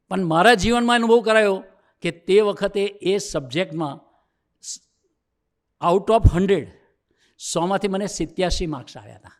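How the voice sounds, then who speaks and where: Gujarati swami giving a youth sermon, kinda high voice, tells stories and acts out the dialogue, gets emphatic. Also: male voice. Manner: storytelling, acting out dialogue, rising to emphatic preaching. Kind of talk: sermon told as a personal story.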